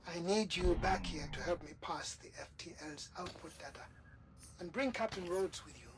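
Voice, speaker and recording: A man's voice: high-pitched, moderate pace, noisy background. A man playing an irritable, impatient scientist in a video game, curt and demanding.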